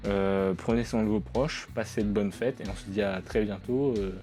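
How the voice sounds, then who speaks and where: A man reviews comic books in a loose, rambling chat full of hesitations. His voice sits a little low and sounds warm and mellow. Faint music plays in the background. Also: fairly even intonation, normal speed. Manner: rambling with many fillers. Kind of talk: casual review vlog.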